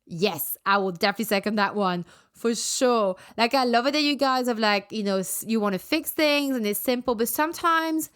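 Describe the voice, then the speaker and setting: A woman's voice: a little high, expressive, normal speed, a bit bright, smooth. A woman hosting a podcast, talking frankly and casually with lots of fillers and asides. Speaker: podcast host. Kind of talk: casual solo podcast chat.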